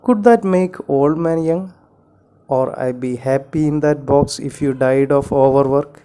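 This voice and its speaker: A man's voice: a little high, dark tone, smooth. A man reading as a weary, worried young mother. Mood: uneasy. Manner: measured bilingual reading of her lines.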